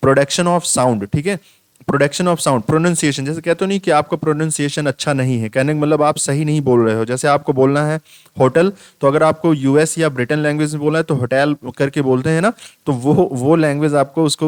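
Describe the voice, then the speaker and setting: A man tutoring for an exam in a casual lecture, explaining step by step, reading each question out slowly. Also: on the high side, clear, resonant tone, no room sound. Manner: explains step by step, repeats "ठीक है" often; reads English questions out slowly.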